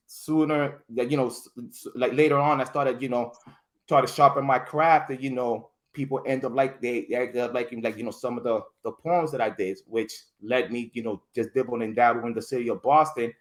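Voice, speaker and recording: A man's voice: mid-range voice, moderate pace. A man as a guest in a casual interview, rambling through stories with lots of fillers and restarted words. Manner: animated storytelling, voices others in quotes. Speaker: podcast guest.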